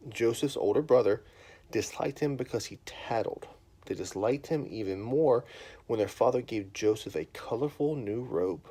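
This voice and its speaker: In his thirties, this livestream host has a mid-range voice and speaks at normal speed. He chats loosely with lots of fillers at a bedtime story stream, rambling comfortably, then reads a story aloud.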